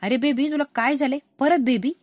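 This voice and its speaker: A woman's voice: high-pitched, brisk, a little mellow, dry recording. A woman voicing a sweet, childlike young wife, pleading and puzzled.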